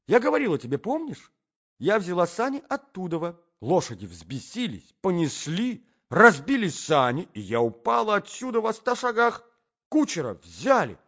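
Brief: male reader putting on a fluttery young society wife, high and breathless, lively swings, muffled lo-fi audiobook. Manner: breathless, gushing, high and flighty. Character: flustered, chattering society lady, young wife. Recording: dull lo-fi audiobook recording.

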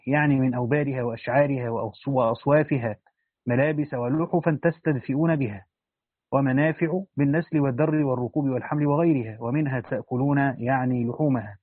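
Brisk man reading a religious text. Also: medium pitch, no room sound. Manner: brisk recitation of the text, with plain spoken asides to students. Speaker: teacher reading and explaining a Quran commentary. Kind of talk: religious lesson, reading a text aloud with comments. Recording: dry, thin phone-like line.

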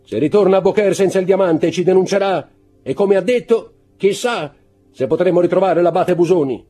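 A man's voice: high-pitched, moderate pace, dark tone, soft background music, voice pushed up. A man voicing a sickly, anxious woman, an innkeeper's wife, speaking urgently in an audiobook.

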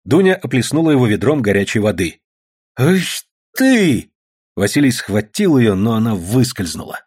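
Husky, expressive male storyteller. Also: fairly low pitch, fairly quick. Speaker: narrator. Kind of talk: audiobook narration.

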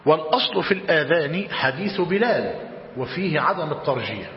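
A man with an Egyptian accent teaching a religious lesson, slowly dictating and repeating each phrase and quizzing his students. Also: a little high, sing-song. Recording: dull roomy hall recording, faint hiss.

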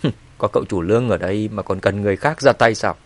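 A man's voice: fairly low pitch, fast, natural voice. A man reading a cold, scornful young hero. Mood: mocking.

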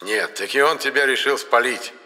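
A man's voice: medium pitch, moderate pace, bright, forceful tone, in a large hall, voice pushed up. A man voicing a quarrelsome, fussy male ghost who hisses and grumbles. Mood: grumbling. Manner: hissing, grumbling.

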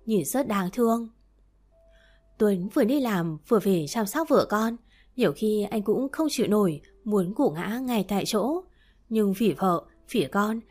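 A woman's voice: mid-range voice, a little mellow. Woman narrating a sad family story. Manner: reads every part in her own voice. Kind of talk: scripted narration of a family drama. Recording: faint music behind.

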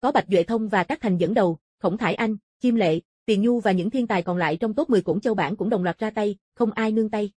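A woman reading a scripted fantasy martial-arts story as an audiobook narrator, with a husky, soft-edged voice. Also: medium pitch, fairly quick, hardly any pauses, no room sound.

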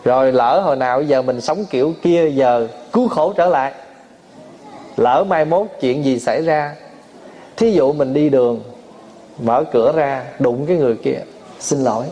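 A man's voice: mid-range voice, normal speed, warm tone. A man giving a Buddhist sermon, telling everyday stories and acting out family arguments with frequent laughter. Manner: storytelling, acts out family quarrels, laughs often. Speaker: Buddhist monk giving a dharma talk.

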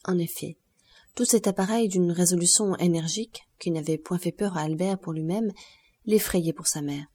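A woman narrating a classic novel as an audiobook, reading in a measured, expressive way. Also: lowish voice, husky.

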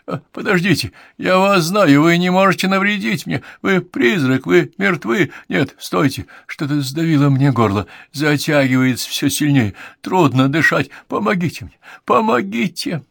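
A man voicing the spirit of a dead old woman who speaks through a medium, with a grumbling, creaky voice. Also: medium pitch, lively intonation, slow pace, fairly bright tone, no room sound, clean studio sound, pitched above the performer's own voice. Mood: panicked. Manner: grumbling, then panicked.

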